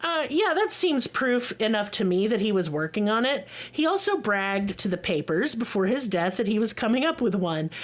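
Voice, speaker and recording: A woman hosting a podcast, telling a story in casual chat, blunt and excitable, with swearing. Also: mid-range voice, normal speed, few pauses. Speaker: podcast co-host.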